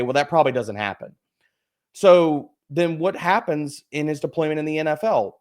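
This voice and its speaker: A man with a somewhat high voice talks fantasy football on a podcast. He is emphatic and profane, and he piles up rhetorical questions as he rants in relaxed, casual chat.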